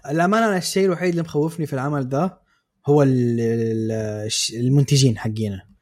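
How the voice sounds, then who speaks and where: A man's voice: mid-range voice, very fast, darkish tone. A man giving his frank, opinionated take in a casual anime podcast chat. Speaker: podcast co-host.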